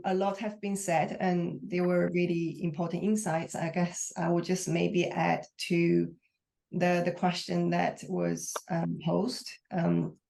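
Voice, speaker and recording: A woman speaking on an academic panel, a little hoarse after being ill, hesitant with many pauses and fillers. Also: lowish voice, a little mellow. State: hoarse after recent illness. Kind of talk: panel discussion remarks.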